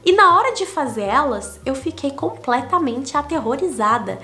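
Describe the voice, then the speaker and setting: Her voice is high, sing-song, and sharp-toned, at a moderate pace, carrying a Brazilian Portuguese accent. The young Brazilian woman, a digital nomad vlogger, reflects candidly in a casual vlog while counting off numbered lessons.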